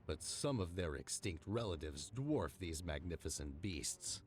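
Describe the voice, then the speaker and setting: A man reading a scripted documentary narration in a measured, informative way. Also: deep voice, lively intonation.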